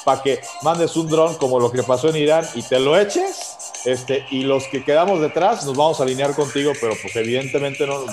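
A man's voice: mid-range voice, a little fast, hardly any pauses, music in the background. Stammering Mexican man arguing. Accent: Mexican Spanish. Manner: stammering, restarts words. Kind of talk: casual debate.

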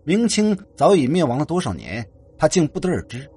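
A man narrating a story in an expressive, animated reading style. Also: a little high, brisk, slightly rough, soft background music. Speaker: audiobook narrator.

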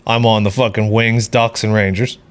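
A man's voice: on the low side, little pitch movement, moderate pace. A man hosting casual sports betting chat with profane, slangy frat-bro banter. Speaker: sports betting show host.

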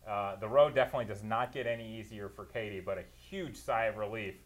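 A man's voice: lowish voice, fast talker. A man working as a producer and analyst, giving detailed, opinionated recaps of football games on a talk show. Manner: detailed play-by-play recaps, opinionated, laughs easily.

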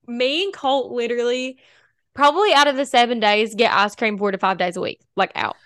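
A woman's voice: a little high, fairly quick, a bit bright, dry recording. A young woman co-hosting a podcast, chatting casually and gushing with lots of laughter. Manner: bubbly, gushing, laughs often. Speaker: podcast co-host. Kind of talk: casual chat.

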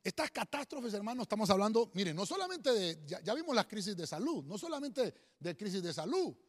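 A male pastor preaching with a high, very lively voice that rises and falls constantly. He calls out "hermano" to his listeners and stops to spell words as he writes them on a board. The voice carries a long, ringing hall reverb. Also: a little fast. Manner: emphatic preaching, often addressing listeners as "hermano"; teaching at a board, writing and spelling words aloud. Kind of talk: sermon.

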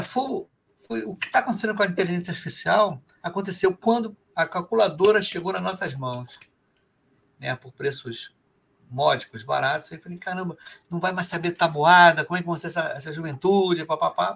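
A man's voice: a little high, creaky, fairly bright tone, husky. A man with a Brazilian Portuguese accent hosting a live podcast, chatting loosely and reading out listener messages. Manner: rambling, reads out listener chat. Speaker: podcast host. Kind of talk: casual live podcast chat.

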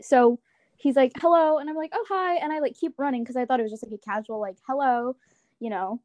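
A young woman telling friends an animated story in casual chat, swearing and acting out quotes. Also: high-pitched, fairly quick, dry recording.

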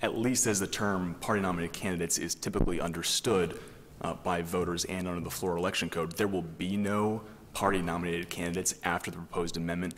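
A man speaking as an attorney in formal oral argument, explaining points in a measured, careful way. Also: sits low, steady tone. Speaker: attorney arguing before a court. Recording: reverberant courtroom, faint noise.

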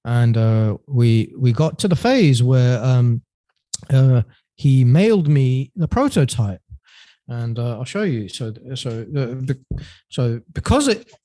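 A man's voice: medium pitch, very animated, takes it slowly, mellow, no room sound, clean studio sound. A man telling his story as a podcast guest, rambling and acting out past phone calls. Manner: rambling, many fillers and restarts, acts out phone calls. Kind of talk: casual storytelling interview.

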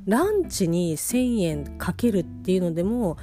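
A woman with a fairly low voice talks through a casual personal diary while lying down. She sounds sleepy and rambles along without hurry. Plucked guitar music plays clearly behind her. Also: sing-song, a little slow, mellow. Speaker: host of a personal audio diary. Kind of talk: casual monologue diary chat.

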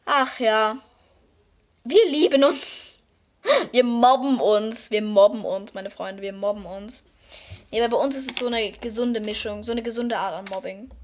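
A teenage girl chatting casually while doing her makeup, sometimes breaking into high excited squeals. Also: moderate pace, dull audio. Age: teens. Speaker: vlogger. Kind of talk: casual makeup vlog chat.

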